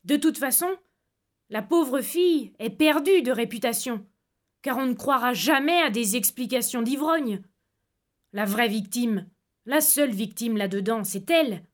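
A woman reading aloud voices a stern, angry older uncle who scolds and lectures gravely. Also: fairly high pitch, lively intonation, measured pace.

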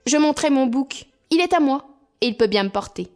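A woman voicing a cheerful, boisterous young male simpleton in a storybook tale, calling out loudly and excitedly. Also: sits high, fairly quick, voice pushed up. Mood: eager. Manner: loud, excited calls.

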